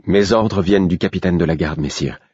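A man's voice: deep voice, a little fast, darkish tone, slightly rough, no room sound, highs cut off. A man doing a grave, steadfast woman officer. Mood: firm. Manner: grave, firm and respectful.

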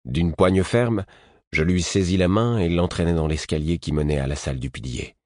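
A man reading a first-person audiobook in a measured, even storytelling manner. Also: low-pitched, no echo, studio quality. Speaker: audiobook narrator. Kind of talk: scripted first-person narration.

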